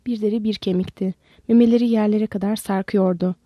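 A woman narrating an audiobook in a steady, even storytelling manner. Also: medium pitch, a little fast, no echo, lo-fi sound.

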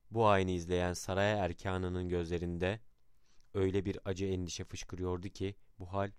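A man narrating a historical account in a measured, dramatic reading style. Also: sits low, a little mellow, smooth, no echo.

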